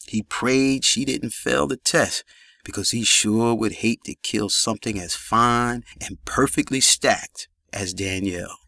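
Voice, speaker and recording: A man reads a gritty crime story as an audiobook, keeping an even, steady storytelling manner. His voice is bright and crisp, recorded dry and close with no room around it. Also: medium pitch, unhurried, no room sound. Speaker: narrator. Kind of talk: audiobook narration.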